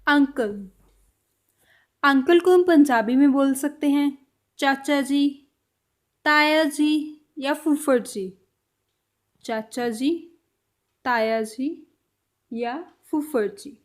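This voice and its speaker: Woman teaching vocab real slow, high voice, says each word twice and trails off soft. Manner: repeats each word slowly, trailing off softly. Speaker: language teacher.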